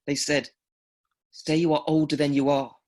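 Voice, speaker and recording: An actor playing an elderly male Holocaust survivor from Greece, speaking slowly and haltingly and repeating himself. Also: fairly high pitch, level tone, darkish tone, close to an everyday voice. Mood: somber. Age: older. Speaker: survivor telling his story. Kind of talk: radio documentary drama.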